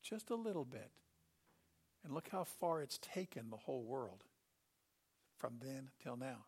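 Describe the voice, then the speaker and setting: A middle-aged man preaching a sermon, telling Bible stories with animated delivery and acting out the characters. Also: medium pitch, a little slow, husky.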